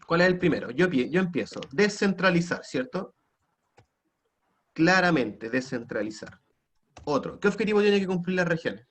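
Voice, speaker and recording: A man's voice: a little high, expressive, normal speed, breathy edge. A man teaching an online class with a Chilean Spanish accent, prompting students with frequent tag questions. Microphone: computer mic on a video call.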